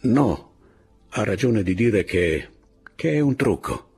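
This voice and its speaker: A man playing a calm, weary young lieutenant who speaks in a measured, doubtful way in an audiobook reading. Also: fairly low pitch, slightly rough, soft background music, heavily acted.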